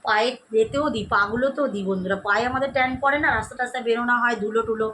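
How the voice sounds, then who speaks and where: A woman's voice: a little high, racing, fairly bright tone, a little hiss or hum, rough recording. A young woman vlogger talking viewers through a skincare routine at home, chatty and friendly, calling them friends as she demonstrates. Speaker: beauty vlogger. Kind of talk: casual skincare tutorial. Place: at home, indoors.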